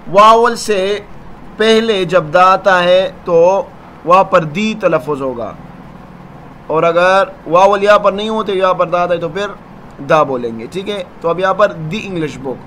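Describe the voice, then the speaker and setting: A man's voice: high-pitched, a bit bright, a little hiss or hum. A man teaching English grammar, patiently explaining and often checking that his students follow. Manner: patient, repeats "ठीक है ना?" to check understanding.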